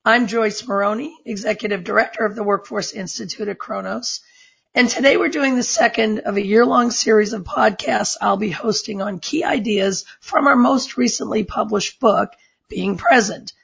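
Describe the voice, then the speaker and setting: A woman hosting an interview podcast, her voice squeaky and hoarse, strained by allergies and asthma. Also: moderate pace, a bit bright, dull audio. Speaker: podcast host.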